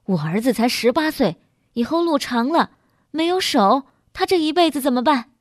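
A woman voicing an upset middle-aged father in a storybook reading, protesting in a raised, fast, agitated voice. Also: high voice, expressive, no room sound, clean studio sound.

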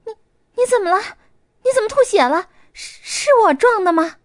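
Woman doing a freaked-out young woman, squeaky high, loud. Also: lively intonation, normal speed, no room sound, studio quality. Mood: panicked. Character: frightened young woman, then relieved.

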